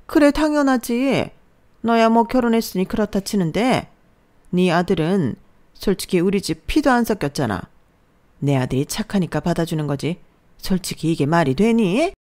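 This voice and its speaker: A scolding older mother-in-law, voiced by a woman, sneering and belittling, her voice pushed up and loud. She nags relentlessly in this storybook dialogue. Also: lowish voice, lively intonation, moderate pace, natural voice. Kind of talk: storybook narration with acted dialogue.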